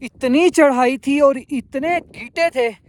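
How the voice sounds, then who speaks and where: A man's voice: extremely high pitch, takes it slowly. A man vlogging casually outdoors on a windy mountain pass, raising his voice to be heard over the wind. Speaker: travel vlogger. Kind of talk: casual outdoor motorbike vlog. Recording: windy, noisy outdoor audio.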